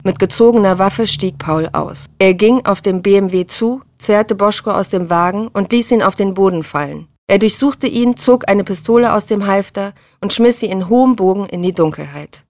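A woman reads a thriller audiobook with steady, measured narration. The recording is close and entirely dry, with no room sound. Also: medium pitch, dry recording.

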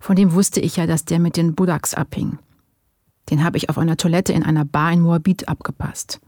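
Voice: medium pitch, fairly even intonation, fairly quick, a little mellow, no room sound, clean studio sound, natural voice. The narrator reading an exhausted male informant who gives weary, defensive answers under questioning.

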